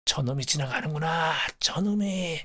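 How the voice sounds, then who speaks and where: A man voicing a bitter, frantic dying old grandfather who cries out in a strained, high wail. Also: very animated, normal speed, creaky, fairly bright tone, exaggerated voice. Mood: anguished. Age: older.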